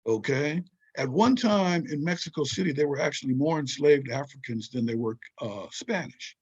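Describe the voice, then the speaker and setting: In this interview, the guest is a historian and author, an older man from Southern California whose husky, higher-side voice moves at normal speed. He wanders off on emphatic tangents and keeps asking "right?" and "you know?", and the highs are cut off in the audio.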